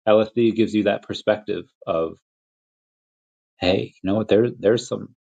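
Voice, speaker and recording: A young man from Peru hosting a casual livestream chat, rambling and restarting his sentences, with quick laughs between thoughts. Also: on the low side, vocal fry, darkish tone. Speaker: crypto livestream host. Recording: lo-fi dull audio.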